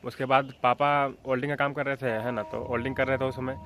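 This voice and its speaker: A young man from Jharkhand, India, tells a childhood story to his vlog viewers in a relaxed, rambling way. His voice sits in an ordinary middle pitch, and he keeps checking in with the listener and clearing his throat as he talks. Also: fast, a little hiss or hum. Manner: rambling, with frequent filler checks like "theek hai" and "hai na". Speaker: vlogger.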